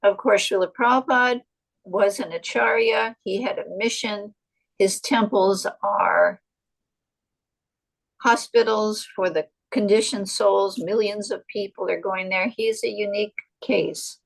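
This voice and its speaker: An older woman answering in an online devotional discussion, speaking haltingly with restarts. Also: mid-range voice, fairly even intonation, vocal fry, low-quality recording. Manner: halting, with restarts and self-corrections. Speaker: guest answering questions.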